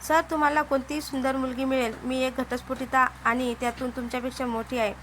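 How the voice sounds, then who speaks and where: A woman's voice: high-pitched, flat delivery, a little fast, fairly bright tone, a little hiss or hum. A woman voicing a shy, hesitant divorced woman. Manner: hesitant, pleading.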